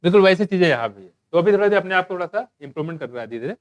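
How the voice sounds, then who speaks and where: A man teaching a biology exam-prep lecture, asking questions and answering them himself, reading English textbook lines slowly. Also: high-pitched, lively intonation, no room sound, lo-fi sound.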